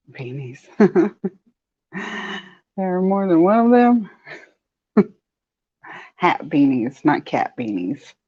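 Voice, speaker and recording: A woman's voice: low-pitched, gravelly, husky, highs cut off. A woman with a Southern US accent hosting a crochet live stream, chatting casually with viewers and laughing often. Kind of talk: casual chat reading viewer comments.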